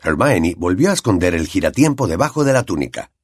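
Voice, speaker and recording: A man narrating an audiobook in an expressive storytelling manner. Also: low voice, fairly quick, husky, dry recording, studio quality. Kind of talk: scripted narration.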